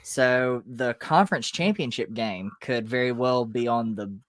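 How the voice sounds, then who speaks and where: A man's voice: medium pitch, a little slow, no room sound, clean studio sound. A man co-hosting a casual sports podcast, explaining news step by step with frequent ums. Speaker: podcast co-host.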